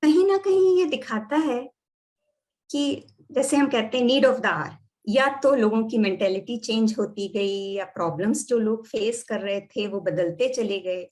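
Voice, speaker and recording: A woman's voice: on the high side, unhurried, a little mellow. A woman with an Indian accent explaining yoga and medicine in a lecture, switching freely between Hindi and English. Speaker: doctor and yoga therapy teacher.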